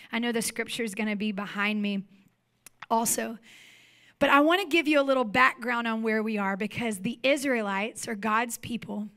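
High bright lady pastor preaching in church, super expressive storyteller. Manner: expressive storytelling, acts out scenes. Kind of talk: sermon. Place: church sanctuary.

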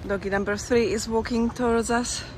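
A woman's voice: on the high side, steady tone, moderate pace. A woman giving casual, playful walking-tour commentary outdoors by a river, musing aloud as she goes. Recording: outdoor recording with street noise.

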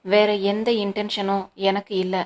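A woman's voice: medium pitch, flat delivery, moderate pace, close to an everyday voice. A woman reading as a formal, composed young man.

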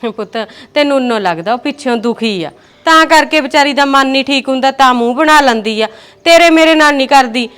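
A woman's voice: high-pitched, expressive, brisk, fairly bright tone, clean tone. A woman playing a soothing village mother-in-law. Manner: soothing, placating.

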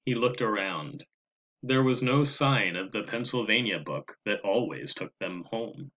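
A man narrating a children's storybook with a slow, expressive read-aloud delivery. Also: lowish voice, lo-fi sound. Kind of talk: storybook reading.

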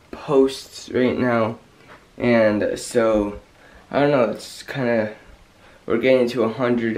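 A man's voice: mid-range voice, a little mellow, low-quality recording. A young man chats casually to his vlog camera, rambling and hesitant with lots of "like", sounding slightly under the weather with a cold. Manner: rambling, hesitant, peppers talk with "like". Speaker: vlogger. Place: small bedroom at home, indoors. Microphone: handheld camera at arm's length.

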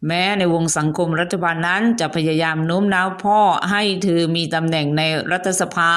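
A woman's voice: on the low side, steady tone, normal speed, a bit bright. A woman host narrating a history story in a chatty, polite way, adding asides and courteous particles.

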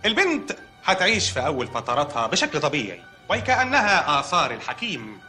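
A deadpan hospital doctor. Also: male voice, on the high side, fairly quick, faint music behind, full character voice. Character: deadpan male hospital doctor, odd pronouncements. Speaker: doctor character.

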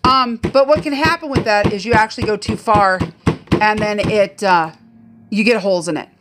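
Holding her phone close in her kitchen, a retired professional chef from the American Midwest talks her way through a home cooking video. She's middle-aged, speaks at medium pitch and a moderate pace, and comes across chatty, lively, and instructive over some background noise.

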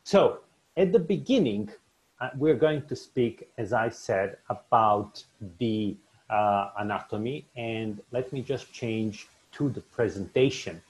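Slow-talking Serbian-accented man lecturing online. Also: fairly low pitch, expressive, a little mellow. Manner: unhurried, with many filler sounds and restarts. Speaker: doctor giving a webinar lecture. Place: small home office with shelves. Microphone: video call, webcam.

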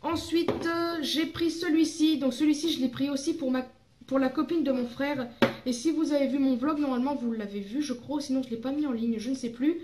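High-voiced young woman vlogging. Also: a little fast, echoey room, noisy background. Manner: chatty, rambling, fillers and self-corrections. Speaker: beauty vlogger. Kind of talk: casual haul vlog.

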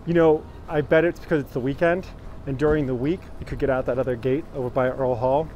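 This guide, a man in his thirties, talks quickly in a steady, mid-range voice during a live-streamed walking tour. Out on a city street, he greets viewers by name and films on a phone at arm's length, and the lo-fi sound includes street traffic.

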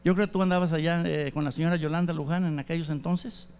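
A man's voice: on the high side, steady tone, quick pace, a little mellow, clear, resonant tone. A man hosting a talk show, chatting loosely and teasing his guests on stage. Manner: joking, teasing, loose and crude. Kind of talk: casual on-stage banter. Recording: echoey hall, voice from far off.

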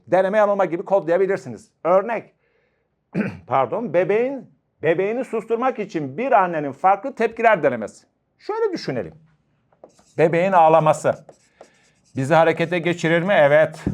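A man teaching an exam-prep lecture, asking and answering his own questions with jokey asides. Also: a little high.

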